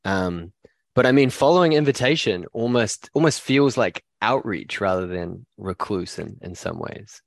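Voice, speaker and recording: A man with a New Zealand accent hosting a podcast interview, thoughtful and halting with frequent restarts. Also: lowish voice, lively intonation, creaky, no room sound, clean studio sound. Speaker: podcast host.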